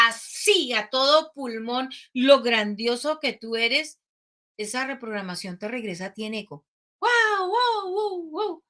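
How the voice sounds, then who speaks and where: Mujer invitada de voz brillante y algo aguda, habla enfática y expresiva. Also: female voice, on the high side. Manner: emphatic, acts out shouts and quotes. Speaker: guest, program creator. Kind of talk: casual interview talk.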